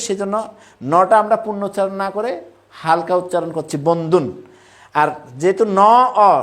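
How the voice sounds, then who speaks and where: A man teaching the careful pronunciation of verses, breaking words into syllables and chanting them slowly. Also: sits high. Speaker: Sanskrit recitation teacher. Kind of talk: recitation lesson.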